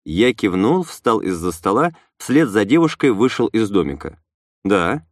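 Expressive male audiobook narrator. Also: lowish voice, normal speed, dry recording, clean studio sound.

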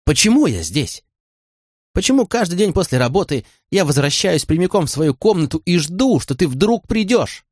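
A man's voice: on the high side, sing-song, extremely slow, few pauses, dry recording, studio quality, pitched above the performer's own voice, exaggerated voice. A man voicing a bitter young serving woman. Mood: reproachful. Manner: cool and clipped, then pouring out reproach. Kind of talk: audiobook character voice.

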